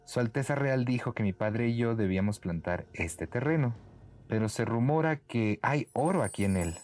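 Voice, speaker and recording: A man's voice: mid-range voice, expressive, moderate pace, a little mellow, voice pushed up, lightly acted. A man voicing a clever, sly young peasant woman in a bedtime story, speaking sweetly and teasingly. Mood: confiding. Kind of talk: storybook character voice.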